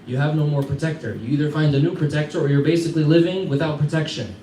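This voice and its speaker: American male teacher, casual storyteller who quizzes the class, slightly high voice, recorded from a distance. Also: steady tone, quick pace, dark tone. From United States. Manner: conversational, quizzes listeners, chuckles through anecdotes. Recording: echoey room, mic far off, faint background hum.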